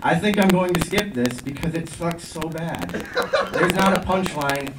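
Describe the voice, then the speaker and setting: A man's voice: unhurried, recorded from a distance. A young man performing a stand-up comedy set on a theater stage, talking to the crowd with dry asides. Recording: low-quality echoey theater recording from afar. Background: audience laughter and noise.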